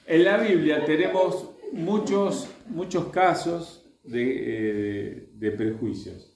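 A man's voice: mid-range voice, warm tone. Argentine man teaching a Bible class. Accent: Argentine Spanish. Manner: reads aloud, then stops to add plain explanations. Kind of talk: reading scripture and explaining to a group. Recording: echoey room.

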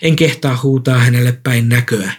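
A man reading a first-person story aloud in a calm, measured way. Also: mid-range voice, slightly rough. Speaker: narrator.

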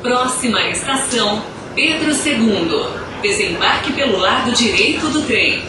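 A woman making recorded train station announcements in a measured, formal announcing voice over a loudspeaker. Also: fairly high pitch, animated. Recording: echoey, distant loudspeaker with train noise. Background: train and station ambience.

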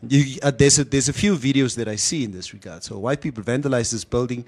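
A man's voice: medium pitch, fast, darkish tone. A man hosting a casual, opinionated discussion, slipping in Afrikaans phrases. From South Africa. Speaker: talk show host.

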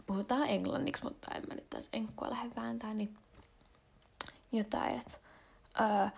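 A woman's voice: a little high, creaky, a little mellow, breathy edge. A young adult woman vlogging in a casual confessional chat, rambling with lots of fillers and slang. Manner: rambling and slangy, with frequent fillers and English words mixed in.

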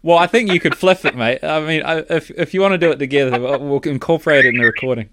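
A man's voice: on the high side, fast, background noise. A man making casual sales calls in a blokey, self-deprecating, joking way. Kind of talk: casual phone sales chat.

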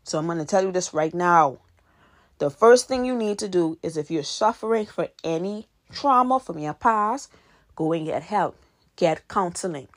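A woman in her twenties, a podcast host and author, gives earnest advice in a casual monologue, repeating her key points for emphasis. Her voice is fairly low with lively intonation at a moderate pace.

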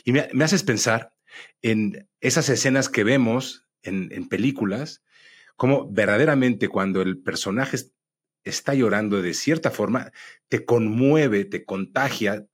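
A man hosting a podcast and interviewing his guest, breaking in with quick, stammering interjections. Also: mid-range voice, breathy edge. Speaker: podcast host.

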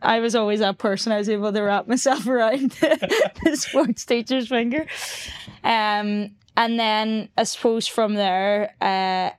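A woman's voice: fairly high pitch, steady tone, a little slow, smooth. A young woman with a Donegal Irish accent, chatting casually as a podcast guest. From County Donegal, Ireland. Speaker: podcast guest, newly qualified fitness coach. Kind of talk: casual chat.

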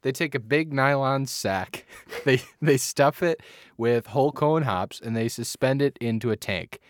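A man's voice: mid-range voice, unhurried, no echo, clean studio sound. A man co-hosting a casual podcast, joking around and reading facts aloud with a rambling delivery. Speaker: podcast co-host. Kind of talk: casual chat.

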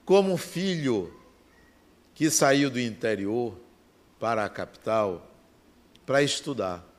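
A man with a Brazilian Portuguese accent giving a reflective storytelling talk. He speaks in short, measured phrases with long pauses between them. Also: mid-range voice, animated.

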